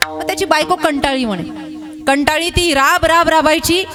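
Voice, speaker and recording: A woman preacher giving a devotional kirtan sermon, telling a folk story in a folksy, lively way with humorous asides to the listeners. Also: high voice, normal speed, soft background music.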